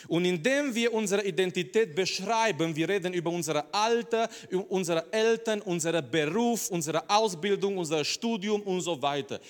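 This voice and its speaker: A man preaches with emphasis, driving his points home through repetition and rhetorical questions to the audience. His voice sits a little higher than most men's. A long reverb trails each phrase, as if he is speaking in a large hall. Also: normal speed, few pauses. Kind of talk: sermon.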